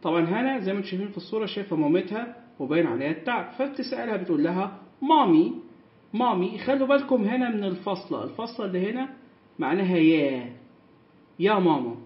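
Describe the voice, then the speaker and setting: A man with an Egyptian Arabic accent teaching a class, who reads English words slowly and clearly and then explains them quickly. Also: high voice. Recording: echoey, slightly muffled room recording.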